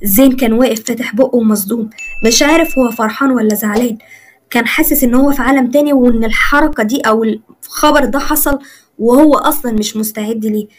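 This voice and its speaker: Rapid-talking Egyptian woman storyteller. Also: on the high side, slight background noise. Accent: Egyptian Arabic. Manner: rapid, running commentary. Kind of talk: story narration.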